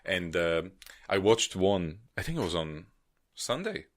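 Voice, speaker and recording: A man co-hosting a podcast in casual chat, talkative, laughing often and chiming in with quick agreement. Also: low voice, big pitch swings. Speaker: podcast co-host.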